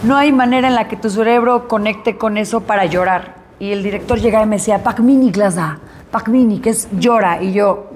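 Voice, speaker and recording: Animated actress telling a story. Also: female voice, mid-range voice, brisk, hardly any pauses, noisy background. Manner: animated, acts out dialogue in her story. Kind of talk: interview storytelling.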